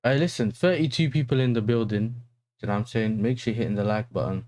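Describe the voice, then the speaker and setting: A man with an urban London roadman accent hosts a casual football livestream, his slangy talk packed with tag questions. His voice is lowish, quick, and a little mellow, with no room sound.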